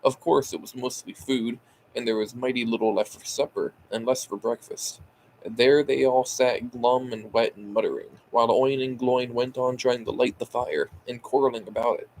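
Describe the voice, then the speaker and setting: A man's voice: mid-range voice, steady tone, moderate pace, darkish tone, a little hiss or hum, poor audio. Tired man reading a book aloud, sighing. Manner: sighing, stumbling over words and correcting himself. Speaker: amateur audiobook reader. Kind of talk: casual amateur book reading.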